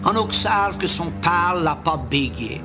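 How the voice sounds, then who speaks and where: A man's voice: fairly high pitch, animated, slow pace, over music. A man from Louisiana with a Cajun French accent, preaching an evangelistic sermon as plain, folksy Bible storytelling with earnest appeals.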